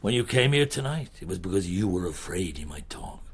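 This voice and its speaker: Heavily acted, a low male voice with big pitch swings portrays a relentless, shrewd detective chief of middle age in a radio play. He questions in a husky, gravelly way, deliberately and with pauses, sounding grave and insistent.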